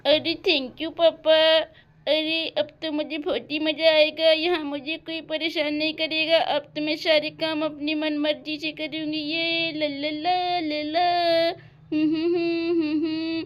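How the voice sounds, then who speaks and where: A woman's voice: high voice, flat delivery, measured pace. Woman doing a whiny stubborn girl. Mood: sulky. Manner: whiny, petulant. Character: stubborn sulky young girl Kittu.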